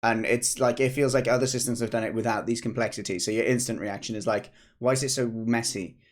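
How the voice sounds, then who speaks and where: This is a British man in his thirties, a game developer running an informal devlog stream at a desk microphone in his home office. He's slightly hoarse and rambles chattily, restarting often. He talks fast at medium pitch with fairly even intonation.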